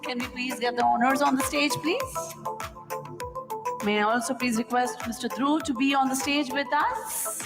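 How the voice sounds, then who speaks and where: A woman's voice: sits high, moderate pace. A woman hosting a formal award ceremony on stage, polite and effusive, thanking guests and inviting them up one by one. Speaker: event host. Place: large event hall. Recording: hall reverb with music behind.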